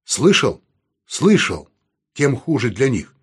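A man reading an audiobook voices a gloomy, sullen man who speaks tersely, with a husky voice. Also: mid-range voice, sing-song, slow, exaggerated voice.

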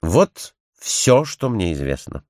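Timid young woman recounting a secret, earnest and measured, lively intonation; male reader doing her. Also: sits low, no echo, clean studio sound, exaggerated voice.

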